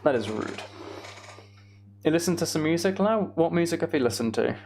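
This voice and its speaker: A livestream host with a somewhat high, expressive, slightly mellow voice talks at a normal pace while running a live gaming stream. He chats casually with viewers and mutters each step of his task to himself. Background noise is clearly audible, with keyboard typing and clicking throughout.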